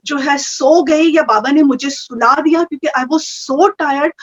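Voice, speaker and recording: A woman with a high voice tells a personal story in a lively, animated way. She slips English phrases into her talk. The recording sounds muffled and dull. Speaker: guest sharing experiences. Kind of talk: casual storytelling.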